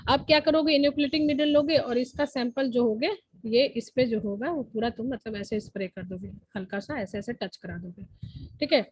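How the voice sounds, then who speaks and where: A woman's voice: fairly high pitch, normal speed, a little mellow, husky, low-quality recording. A woman teacher giving a lesson in an online class, explaining step by step and often asking the students whether they follow. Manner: explains step by step, asks checking questions.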